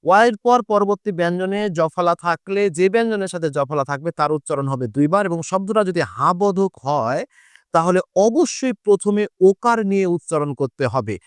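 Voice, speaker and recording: A Bangla teacher from Bangladesh, whose voice is fairly high, smooth, and resonant, gives a grammar lesson to exam students. He walks through each rule step by step, repeats the rules, asks questions and answers them himself, and stretches out example words slowly. The audio is dry and close with little room echo.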